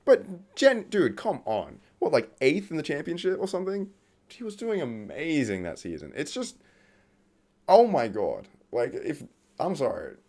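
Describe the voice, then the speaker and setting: A man's voice: fairly high pitch, wildly swooping pitch, measured pace, a little mellow. A man ranting off the cuff in a profane, exasperated way, laughing at times and reading from his notes as he talks. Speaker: vlogger. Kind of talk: unscripted rant about a TV series.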